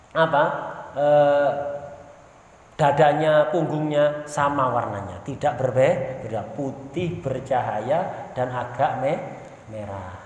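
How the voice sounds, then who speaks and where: A male religious teacher, giving a conversational sermon-style lesson and asking and answering his own questions. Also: fairly high pitch. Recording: echoey hall with long reverb.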